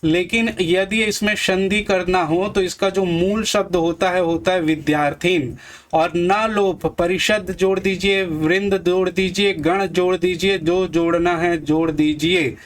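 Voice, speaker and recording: Guy teaching hindi grammar, high voice, says each word twice and asks the class what it makes. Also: steady tone. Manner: repeats and drills words slowly, quizzing viewers. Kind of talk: exam-prep grammar lesson.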